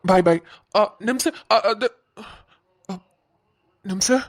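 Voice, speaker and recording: A woman's voice: mid-range voice, very slow. A woman voicing a young male police officer who reassures and protects his partner in a cartoon. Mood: caring. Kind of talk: cartoon voice acting.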